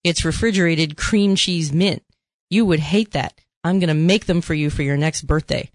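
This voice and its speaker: A woman's voice: low voice, normal speed, no echo. A woman co-hosting a casual podcast chat, talkative and playfully bossy as she gives opinions and tips. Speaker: podcast co-host.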